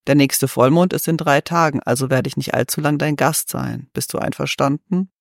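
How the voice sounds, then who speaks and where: A man voicing a disguised sultan who speaks calmly, kindly and with quiet determination, in a storybook reading. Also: medium pitch, moderate pace, vocal fry, no room sound, clean studio sound, close to an everyday voice. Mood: assured. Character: disguised young sultan, calm, kind, determined.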